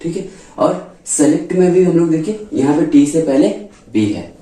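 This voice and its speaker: A male teacher gives a classroom-style grammar lesson, repeating his points and slowing down to spell out letters one by one. His voice is very dark and mellow. It is recorded from a distance and bounces around a strongly echoey room. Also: a little high, animated. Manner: repeats points, frequent "ठीक है" and "क्या बोले" checks. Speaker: English teacher.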